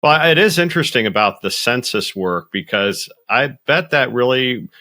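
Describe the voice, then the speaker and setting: A man hosting a casual interview, asking questions in a relaxed, conversational way with slight stumbles. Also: medium pitch, moderate pace, dry recording, clean studio sound. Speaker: interview host.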